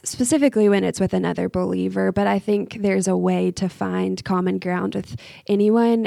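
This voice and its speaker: A woman on a podcast, speaking in a measured, earnest way as she gives gentle advice in a reflective faith discussion. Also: mid-range voice, gravelly, no echo, studio quality. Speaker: podcast co-host, university staff.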